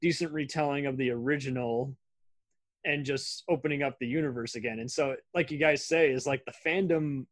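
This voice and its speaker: Relaxed chatty man, dry close sound. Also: medium pitch, a little fast, no room sound. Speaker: podcast host. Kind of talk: casual chat.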